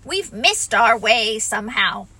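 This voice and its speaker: A woman puts on a fussy male rabbit who talks in a high, brisk way, sure he knows best. Impatience creeps into every word of this storybook know-it-all. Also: big pitch swings, bright, forceful tone, slightly rough, no room sound, exaggerated voice, poor audio.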